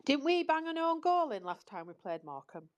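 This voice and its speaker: A woman's voice: high-pitched, very animated, a little fast, highs cut off. A woman chatting cheerfully about football on a fan podcast, giggling often. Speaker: podcast regular. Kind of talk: casual football chat.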